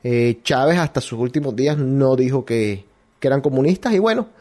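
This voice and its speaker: A man's voice: medium pitch, expressive, a little fast, a little mellow. A man from Colombia talks to his listeners in a loose, rambling monologue. He restarts his sentences often and hunts for words as he goes. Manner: rambling, hesitant, with many restarts. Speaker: radio show host. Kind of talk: casual opinion monologue.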